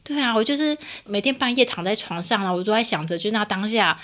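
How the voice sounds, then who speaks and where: A woman with a Taiwanese Mandarin accent, co-hosting a podcast and telling a personal story in a casual, animated way. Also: medium pitch, fast talker. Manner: animated storyteller, voice rises sharply when reliving frustration. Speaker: podcast co-host.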